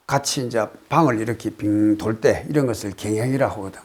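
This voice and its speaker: Older Korean monk explaining a text. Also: male voice, mid-range voice. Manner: explains slowly, reciting phrases then paraphrasing, with frequent hesitations. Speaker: Buddhist monk teaching a text. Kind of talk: casual spoken lecture on a classical text.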